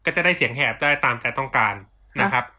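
A young man with a bright, forceful voice hosts a loose chat with friends. He jokes around in crude slang and tacks mock-formal sign-offs onto the ends of his bits. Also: mid-range voice, fast talker. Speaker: podcast host. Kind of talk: casual chat among friends.

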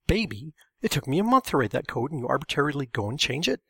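A man's voice: a little high, very animated, quick pace, gravelly, pushed and bright, slightly rough, no room sound, pitched above the performer's own voice, full character voice. A man voicing an angry, meticulous male programmer who speaks indignantly and emphatically. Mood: furious.

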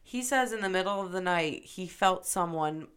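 A woman from upstate New York with a fairly low voice recounts a local haunting on a podcast. She talks casually and with a lot of life, swearing freely. She slips into quoted voices as she tells it. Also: moderate pace, clear, resonant tone. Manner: animated, profane retelling with quoted voices. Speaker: podcast co-host. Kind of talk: casual storytelling.

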